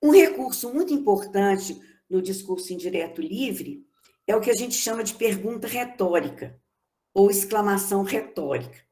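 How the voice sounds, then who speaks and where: A woman with a Brazilian Portuguese accent giving an academic lecture as a lecturer, speaking in a measured, explanatory way and often adding short tag questions. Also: mid-range voice, lively intonation, dark tone. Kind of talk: academic lecture reading from notes. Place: online meeting recording.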